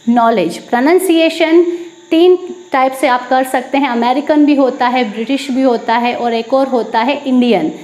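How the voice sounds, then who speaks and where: A woman's voice: high-pitched, normal speed, a little mellow. A young woman, teaching an English lesson to viewers, repeating key points and answering her own questions.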